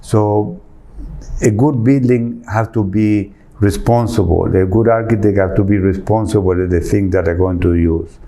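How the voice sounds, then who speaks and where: Argentine man, low and mellow. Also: steady tone, normal speed. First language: Spanish. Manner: earnest, searching for words, rephrasing. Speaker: architect guest. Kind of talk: interview answers.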